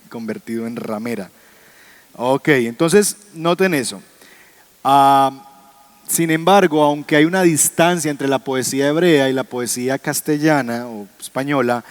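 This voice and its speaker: A man teaching a Bible class on Hebrew poetry, talking to his students, asking them questions and chuckling now and then. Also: medium pitch. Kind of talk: classroom lecture.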